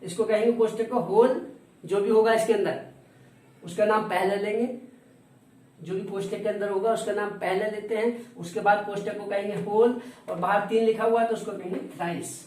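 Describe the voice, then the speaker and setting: A man teaching a lesson who repeats each word slowly and spells it out letter by letter. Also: high voice, steady tone, a little mellow. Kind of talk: classroom lesson. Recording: roomy echo, distant from the mic, faint noise.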